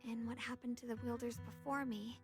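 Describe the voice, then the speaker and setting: An actress voicing a young woman sword wielder in a game, soft-spoken and reflective as she recalls her brother. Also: fairly high pitch, fairly even intonation, a little fast, music in the background, close to an everyday voice. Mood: wistful. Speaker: game character. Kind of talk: voiced game dialogue.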